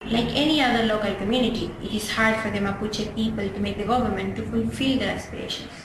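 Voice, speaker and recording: A woman's voice: mid-range voice, quick pace, background noise. Woman in a very echoey room. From Chile. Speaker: blogger. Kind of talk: statement to camera. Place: small indoor room.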